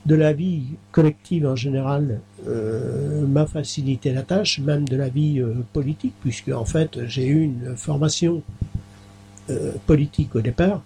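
A middle-aged man, a mayor, answering interview questions in a halting way, with many fillers and restarts. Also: mid-range voice, vocal fry, warm tone, slight background noise. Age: middle-aged or older.

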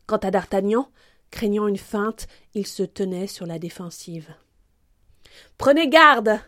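A woman reading aloud in a steady, clear voice, mixing a storybook passage with children's book text. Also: mid-range voice, a little slow, dry recording. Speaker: reader.

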